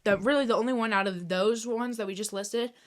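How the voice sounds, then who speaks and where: A woman co-hosting a casual podcast, chatty and enthusiastic, quick to tease her co-host. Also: a little high, noisy background.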